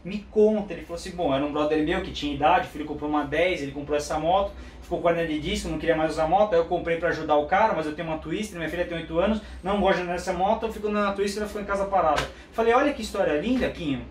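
A man tells a story at a fast clip, slightly high-pitched, acting out both sides of each exchange. He sits some way from the mic in a roomy space with faint background hum. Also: far from the mic. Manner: animated, acts out both sides of conversations. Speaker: motorcycle vlogger. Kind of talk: casual storytelling.

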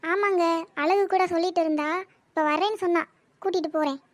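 A woman voicing a high, fretful cartoon mother. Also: fairly even intonation, brisk, no echo. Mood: gentle. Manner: scolding, complaining. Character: fretful mother of three daughters. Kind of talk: animated cartoon voice acting.

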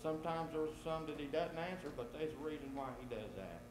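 A man in his sixties giving a plain, earnest testimony in a church, halting now and then with fillers. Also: on the high side. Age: 60s. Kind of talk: spoken testimony. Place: church sanctuary. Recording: echoey church with mains hum.

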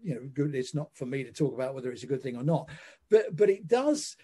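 Older man asking husky, rambling questions. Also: medium pitch, sing-song, quick pace, dark tone. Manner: probing, rambling questions with many fillers. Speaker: interviewer, conference host. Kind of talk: conversational interview over video call. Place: indoor room with plain backdrop. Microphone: video call webcam mic.

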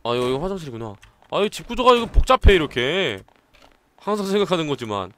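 A man's voice: fairly high pitch, very animated, fast, a bit bright, slight background noise. A young man streaming a horror game, chatting and reacting aloud as he plays. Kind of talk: let's play commentary.

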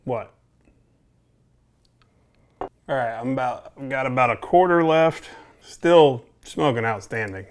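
A man's voice: medium pitch, animated, slow pace, long pauses. Man musing through a casual review. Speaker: pipe tobacco reviewer. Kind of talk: casual unscripted product review to camera. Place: small home office, indoors.

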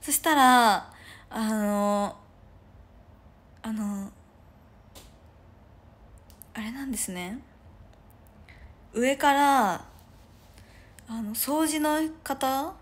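A young woman chats casually on a home livestream. Her voice sits a little high, and she rambles with plenty of fillers and giggles between thoughts. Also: extremely slow, long pauses. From Japan. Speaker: idol livestreamer. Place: room at home with no curtains.

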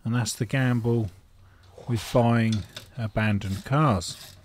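A man's voice: mid-range voice, slow pace. Middle-aged man, home mechanic, casual wry garage narration, faint background noise. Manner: wry, frank, thinking aloud with fillers. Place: indoor garage workshop. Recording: faint noise and tool clicks.

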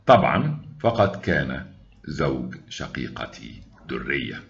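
A man voicing a calm, loyal middle-aged friend who speaks in a measured, reassuring way, in a storytelling read-aloud. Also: rumbling low, creaky, lo-fi sound, pitched below the performer's own voice, heavily acted.

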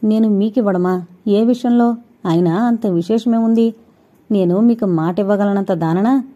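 A woman reading the part of an earnest, devoted young woman in an audiobook, with soft, heartfelt pleading. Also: medium pitch, moderate pace, dull audio, close to an everyday voice. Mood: surprised.

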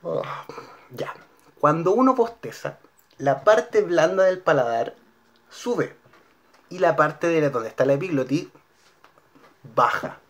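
Calm Chilean man teaching singing. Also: a little high, a little slow, long pauses. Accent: Chilean Spanish. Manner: calm, clear instructional delivery with demonstrated vowels. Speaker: school music teacher. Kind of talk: recorded singing lesson for students.

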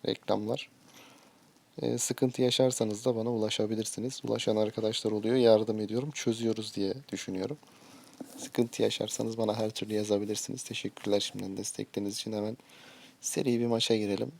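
A man's voice: fairly low pitch, little pitch movement, fast, vocal fry, a little mellow. A short-tempered man streaming a mobile game, giving live commentary and ranting at his teammates.

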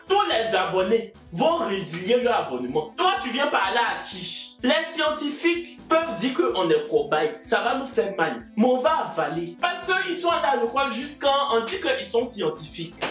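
A woman's voice: on the high side, big pitch swings, moderate pace. A woman delivering a heated, mocking reaction rant. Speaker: vlogger. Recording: echoey room with faint music.

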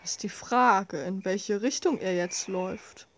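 A woman's voice: mid-range voice, slow, slight background noise. A woman giving casual, wry, sarcastic commentary as she plays a horror game. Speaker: let's play host.

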